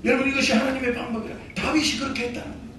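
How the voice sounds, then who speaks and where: A male pastor preaching a sermon to a congregation, animated and acting out pep talks to himself, recorded in a church sanctuary. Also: very high voice, racing, a little hiss or hum. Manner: animated preaching, acts out self-talk, calls out to the congregation. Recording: echoey church hall, mic at a distance.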